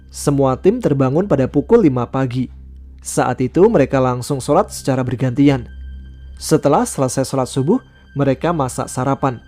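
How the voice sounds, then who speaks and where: A man narrating a true-life mountain horror story in a steady, even reading voice. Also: mid-range voice. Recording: faint background music.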